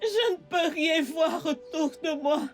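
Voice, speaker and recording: A woman's voice: very high voice, takes it slowly. A wailing blinded mother. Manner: wailing, pleading. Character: mother going blind, beaten by husband. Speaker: actor. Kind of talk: film drama dubbed in French. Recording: film soundtrack with faint music.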